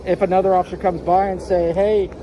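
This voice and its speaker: A police officer questioning someone outdoors in a parking lot, polite and placating. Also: male voice, fairly high pitch, steady tone, fast, highs cut off, background noise.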